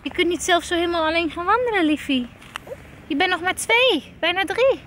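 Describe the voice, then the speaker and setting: A woman's voice: extremely high pitch, animated, fairly quick, fairly bright tone, a little hiss or hum. A woman in her twenties filming a family vlog, coaxing her toddler in a sing-song way and laughing often. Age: 20s. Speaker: family vlogger and mother. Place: at home and outdoors on the street.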